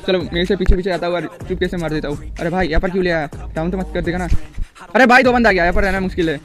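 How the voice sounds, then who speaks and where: A young man giving excitable, casual commentary over gameplay, repeating words in rapid bursts. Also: high-pitched, soft background music. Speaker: gaming YouTuber.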